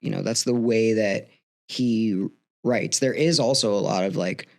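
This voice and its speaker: A man with a creaky vocal fry, chatting casually in a rambling, slangy way. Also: on the low side, measured pace, darkish tone. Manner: rambling, hesitant, slangy storytelling. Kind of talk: casual chat.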